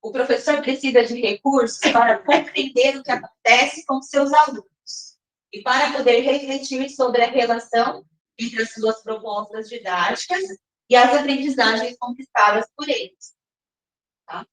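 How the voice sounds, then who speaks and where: A woman teacher explaining step by step in a recorded lesson, often checking in with her listeners and reading some passages slowly. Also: fairly high pitch, fairly bright tone. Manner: slows down and reads some passages slowly, as if from a text. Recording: roomy echo, mic at a distance.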